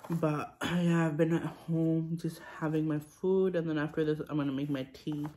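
Eating on camera, this young vlogger talks casually between bites, chewing and sipping, full of ums and false starts. She has a low, mellow voice, a steady tone and a moderate pace.

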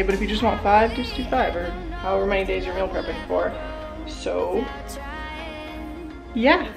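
A young woman talking casually while she cooks, full of ums and likes and laughing at herself. She speaks at a middle pitch, close to a handheld camera in a home kitchen. Background music plays clearly beneath her voice. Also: low-quality recording. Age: young adult. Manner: chatty and self-deprecating, lots of ums and likes. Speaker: cooking vlogger. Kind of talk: casual cooking how-to. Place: home kitchen and backyard grill.

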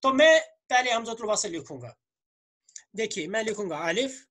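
Kashmiri-accented guy, bit hoarse, teaching grammar, keeps repeating words and quizzing himself. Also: high voice, animated, pushed and bright. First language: Urdu. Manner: repeats and drills words slowly, asks questions then answers them. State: slightly hoarse. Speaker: Arabic teacher. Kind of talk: spoken grammar lesson.

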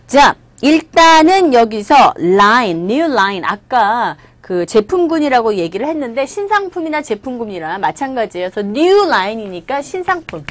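Lively woman teaching English phrases. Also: fairly high pitch, unhurried, hardly any pauses, no echo. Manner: lively, drills phrases with playful emphasis. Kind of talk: spoken English lesson.

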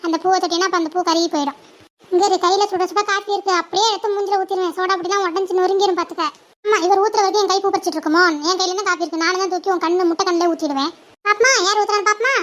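A woman playing a feisty young girl who squabbles and makes shrill threats in a family web series. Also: fairly even intonation, rapid-fire, a bit bright. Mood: teasing.

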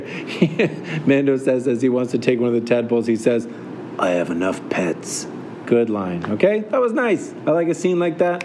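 A man's voice: mid-range voice, noisy background. A man hosting a comedic TV review, talking in a wry way with sarcastic asides. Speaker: host reviewing a TV series.

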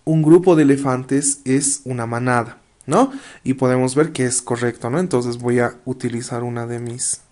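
A man teaching an English class in Spanish, reading English lines slowly and checking in with "¿no?" after most phrases. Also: mid-range voice, a little mellow. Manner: slow, explains in Spanish, frequent "¿no?" checks; reads English text aloud slowly. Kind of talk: online class walkthrough.

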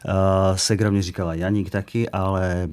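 A Slovak actor speaking in an animated, casual radio interview, often restarting mid-phrase. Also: male voice, low voice. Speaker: actor, guest.

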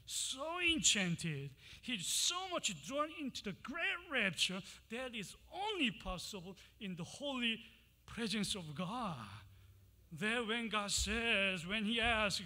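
A man's voice: sits high, pushed and bright. A man with a Korean accent preaching a sermon, reading scripture dramatically and chanting Hebrew phrases with emphasis.

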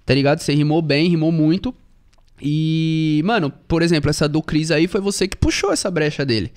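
A man co-hosting a podcast with a Brazilian Portuguese accent, giving his views in relaxed, slang-heavy casual chat. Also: on the high side, fairly quick. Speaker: podcast co-host. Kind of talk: casual chat about rap battles.

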